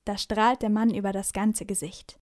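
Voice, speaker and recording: A woman narrating a children's bedtime story in a clear storytelling manner. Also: medium pitch, flat delivery, normal speed, a little mellow.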